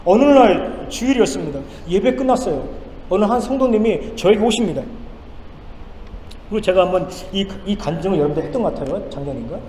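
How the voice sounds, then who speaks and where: A middle-aged man preaching a sermon as pastor, swinging between loud emphatic pleas and hushed storytelling, at a pulpit mic in a church sanctuary. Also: high-pitched, animated, brisk. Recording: echoey church hall with faint noise.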